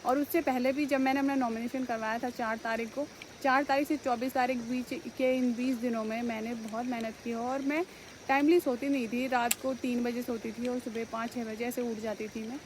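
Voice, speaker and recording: A woman's voice: fairly high pitch, steady tone, moderate pace, noisy background. A young woman answering viewer questions in a casual vlog, earnest and grateful as she reflects. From India. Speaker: village head and vlogger.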